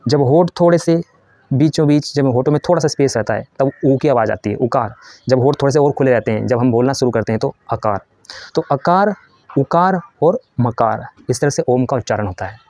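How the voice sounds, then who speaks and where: A man teaching in a calm, patient way. He puts questions to the listener and answers them himself. His voice sits at a middle pitch and sounds dry and close to the mic. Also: a little fast, no room sound. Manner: patient, asks and answers his own questions, demonstrates chanting. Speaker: spiritual teacher. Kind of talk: explanatory spiritual lesson.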